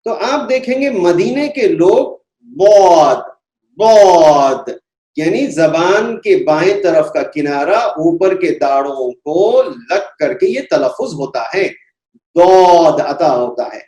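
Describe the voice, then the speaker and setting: A man teaching Quran pronunciation in a slow lesson, saying each letter sound over and over with care. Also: high-pitched, lively intonation, mellow. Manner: deliberate, repeats each letter sound several times. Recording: echoey room.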